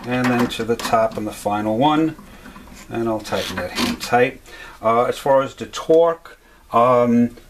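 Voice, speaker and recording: A man explains a repair step by step at a workshop bench, in an unhurried, middle-pitched voice. He talks plainly and fills his pauses with "uh" and "um." A faint hiss sits under the recording. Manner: plain, step-by-step, with many "uh" fillers. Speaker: HVAC supply instructor. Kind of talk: how-to repair demonstration.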